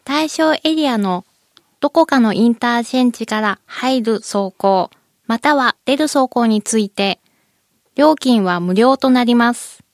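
High cute anime-style woman's voice, very polite. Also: animated, a little slow, dry recording, studio quality. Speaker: interviewed highway company spokesperson. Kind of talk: polite prepared explanation in radio interview.

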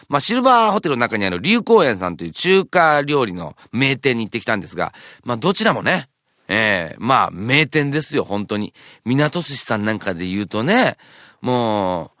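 A man's voice: mid-range voice, very animated, normal speed, sharp tone, no room sound, clean studio sound. A man hosting a radio show in a casual, chatty and jokey presenting style. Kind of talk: casual radio presenting with food and local reports.

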